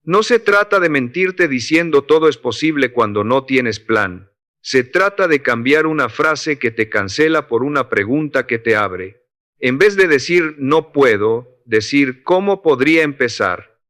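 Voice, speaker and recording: A quiet man in his sixties who has worked construction for decades, as read by a male narrator. He gives advice in a calm, measured, instructive way, at a mid pitch. This is a spoken story. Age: 60s. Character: older Salvadoran construction worker, man of few words.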